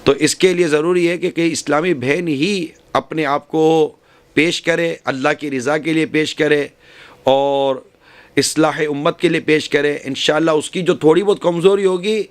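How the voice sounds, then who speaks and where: A man's voice: fairly high pitch, fairly even intonation. A man preaching to a women's gathering, giving earnest advice and often repeating and rephrasing his points. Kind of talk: religious speech.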